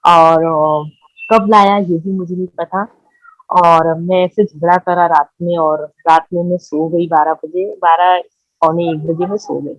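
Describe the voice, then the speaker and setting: A woman, telling her own story in halting speech, with many fillers and repeated words. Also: medium pitch, no room sound, poor audio. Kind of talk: emotional personal testimony.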